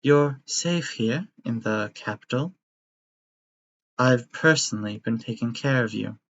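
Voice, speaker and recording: A man voicing a sweet, motherly caretaker robot nurse in a tabletop game, talking high and chirpy with doting care. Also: a little slow, slight background noise, natural voice. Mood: cheerful, doting. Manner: high, chirpy and over-attentive. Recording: dry, slightly muffled audio.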